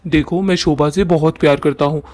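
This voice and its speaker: A lovestruck young man pleads eagerly with his mother, voiced by a man. His voice is fairly high, and the recording is dry and close. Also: steady tone, a little fast, a little mellow, no echo, lightly acted.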